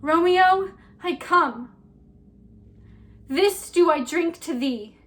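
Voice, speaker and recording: Brief: young Juliet, high voice, frightened and slow, classical delivery, played by an actress. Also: female voice, animated, heavily acted. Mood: frantic. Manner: fearful, dramatic, swings from hush to cries. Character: young Juliet, terrified before the potion. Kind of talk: Shakespeare monologue performance.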